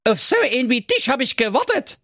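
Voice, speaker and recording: King Curry, a shrill pompous sausage king. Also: sing-song, fairly quick, a bit bright, no room sound, clean studio sound, heavily acted. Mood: bossy, gleeful. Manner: brash, bossy, insulting.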